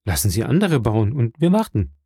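A man voicing a gruff, loyal old sailor in an audiobook, speaking in a strained, pressed way. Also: mid-range voice, big pitch swings, fairly quick, dark tone. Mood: pleading, loyal.

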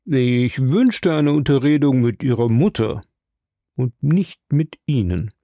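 A cunning gentleman investigator, measured and diplomatic, leans on a gravelly, dark voice, as a man reads his lines. His pitch moves expressively across the sentences, and the voice sounds close and dry. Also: lively intonation, no echo. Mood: suave. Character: shrewd, suave older male investigator.

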